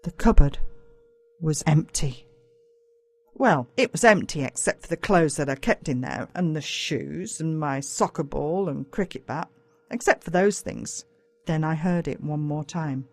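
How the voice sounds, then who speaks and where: In a low-pitched, animated, unhurried voice, an Australian-accented woman narrates a children's audiobook story. The first-person scripted tale is told dramatically and with suspense.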